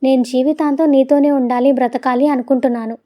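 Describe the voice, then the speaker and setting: A woman's voice: high voice, fairly even intonation, fairly quick, dark tone, close to an everyday voice. A woman voicing an emotional young woman in love, who speaks earnestly and pleadingly in an audio story. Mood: tearful.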